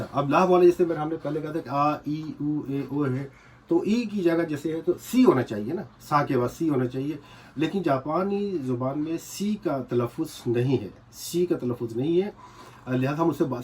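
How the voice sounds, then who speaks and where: A man's voice: medium pitch, darkish tone, slight background noise. A man teaching a casual whiteboard lesson, patiently repeating points and checking that students follow. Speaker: language teacher.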